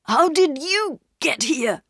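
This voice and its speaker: A woman voicing an injured boy in a red shirt who speaks haltingly, weak and in pain, in a storybook reading. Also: high-pitched, expressive, a bit bright, dry recording, clean studio sound, pitched above the performer's own voice, heavily acted. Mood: hurting. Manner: faltering, halting speech.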